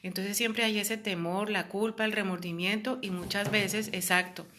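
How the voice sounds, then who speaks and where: Bright-voiced earnest woman. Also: medium pitch, fairly even intonation, moderate pace, slight background noise. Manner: earnest, with many fillers and quoted voices. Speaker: host. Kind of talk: casual talk about psychological abuse.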